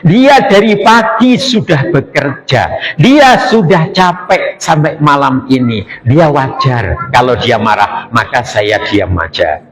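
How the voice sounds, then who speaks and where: A weary, henpecked husband pleads humbly for advice, as a male preacher voices him in a sermon. The voice stays plaintive and a little lower than the preacher's usual talk. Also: animated, slow.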